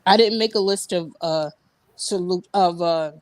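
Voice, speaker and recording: A woman's voice: fairly low pitch, unhurried, no room sound. A woman speaking as a panelist in a casual discussion, with an emphatic, plain-spoken way of talking.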